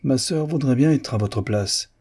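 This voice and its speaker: A man's voice: mid-range voice, moderate pace, darkish tone, breathy edge, pitched above the performer's own voice. A man reading a cheeky young man's lines in a period novel, in a mocking, teasing manner.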